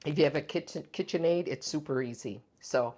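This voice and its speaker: A woman with a low voice hosts a casual home baking video. She talks in a relaxed, chatty way, thinking aloud with little fillers and tasting her bread between sentences. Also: a little fast. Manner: tastes food while talking. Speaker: home baking channel host. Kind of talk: casual cooking vlog.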